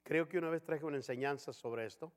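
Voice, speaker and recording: A man preaching a sermon as pastor in a church, animated, acting out the voices of people in his examples. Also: fairly high pitch, quick pace, in a large hall. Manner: animated, acts out dialogue voices.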